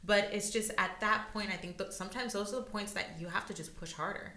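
Hosting a relaxed podcast interview, this woman speaks fairly quickly in a mid-range voice that sounds pushed and bright. She keeps encouraging her guest and affirming what they say, and the recording has an echoey room sound.

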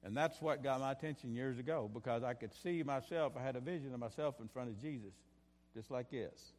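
Impassioned preacher in a church hall. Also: male voice, medium pitch, fairly quick, a little mellow. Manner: impassioned, rising and falling in bursts, repeats phrases. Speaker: pastor. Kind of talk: sermon. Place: church sanctuary.

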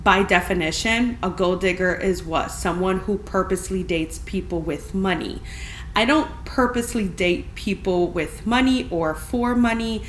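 A woman's voice: medium pitch, a bit bright. A woman hosting a casual, chatty solo podcast, talking in a candid, emphatic, informal way in a spacious, echoing apartment. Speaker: podcast host. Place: friend's spacious apartment, indoors. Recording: big echoey room, clear background noise.

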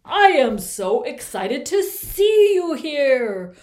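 A woman putting on a booming friendly giant. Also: sing-song, takes it slowly, full character voice. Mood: exuberant. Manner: loud, exclaiming welcomes. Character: huge friendly male giant, booming and overeager.

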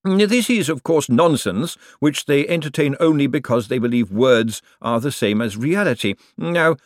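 A man's voice: fairly high pitch, big pitch swings, moderate pace, dry recording, studio quality, voice pushed up. A man doing an icy, pompous chief clerk. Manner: disdainful, hesitant "mm" before replies.

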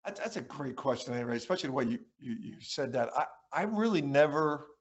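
A man's voice: medium pitch, quick pace, breathy edge. A man in his sixties, a retired basketball coach and podcast guest, telling stories in a casual conversation and acting out quotes. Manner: animated storyteller, acts out quotes.

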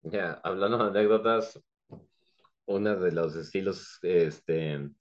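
A man with a Mexican Spanish accent and a very low voice tells anecdotes in a casual podcast chat. He acts out little scenes as he talks. The recording is slightly dull and lo-fi. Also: slow. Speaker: host father of an exchange student.

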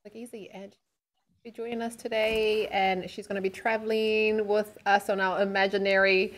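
A woman's voice: medium pitch, little pitch movement, moderate pace. Playful woman co-hosting a live chat show. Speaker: podcast co-host.

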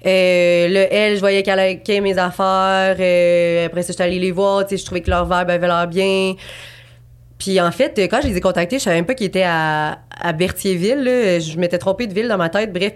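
A twenty-eight-year-old woman with a Quebec French accent chats at length as a guest artist in an interview, rambling casually with many fillers and restarts. Her voice is lowish and fairly quick.

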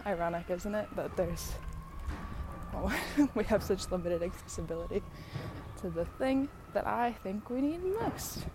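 Walking near traffic, a young American woman from San Diego rambles through a casual solo chat, effusive and musing, laughing easily. Her mid-range voice moves at a measured pace, while trucks and other vehicles pass by amid ambient outdoor noise.

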